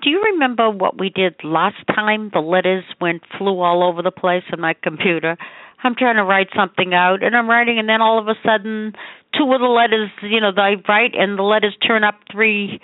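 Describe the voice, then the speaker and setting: A woman's voice: mid-range voice, fairly quick, dry recording. An older woman leaving casual, rambling phone messages as a mother to her grown child, conversational and scattered, often trailing into half-finished thoughts. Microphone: telephone. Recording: muffled narrow-band phone voicemail.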